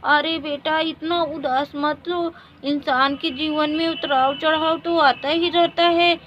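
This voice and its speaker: A woman voicing a kindly old male holy man who gives slow, soothing, fatherly advice. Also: sits high, steady tone. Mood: gentle. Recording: dull lo-fi recording.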